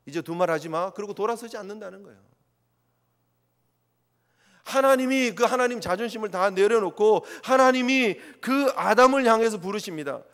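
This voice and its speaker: A man's voice: sits high, moderate pace, a bit bright. A male pastor preaching an impassioned sermon, sometimes acting out quoted voices. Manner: impassioned, acts out God's voice in quotes. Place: church sanctuary. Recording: long church reverb.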